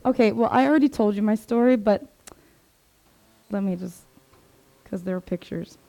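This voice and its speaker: Presenting a relaxed, filler-packed career talk to a classroom of students, this Swedish-born woman in her 20s, who grew up in Maryland, USA, speaks warmly in a mid-range voice at a moderate pace with some vocal fry. She's talkative and informal, full of asides. The audio, captured by a 360 camera in the room, sounds dull.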